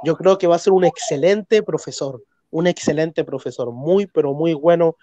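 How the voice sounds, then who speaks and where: Hosting a live stream, this Chilean man argues theology with earnest insistence, repeating himself in a Chilean Spanish accent. Congestion thickens his voice and he clears his throat. He sits on the high side with a dark tone and moderate pace, and there's no room sound.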